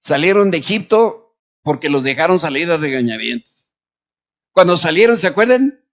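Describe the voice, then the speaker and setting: Male pastor, sermon delivery, high pitch, rhetorical and shifting in volume. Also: very animated, moderate pace. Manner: preaching with rhetorical questions and shifts between loud and quiet. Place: church.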